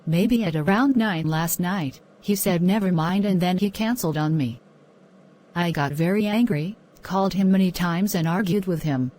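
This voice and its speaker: A woman's voice: on the low side, moderate pace, dark tone, natural voice, low-quality recording. A woman playing a hurt, frustrated girlfriend giving a statement in a murder mystery film. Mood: upset, resentful.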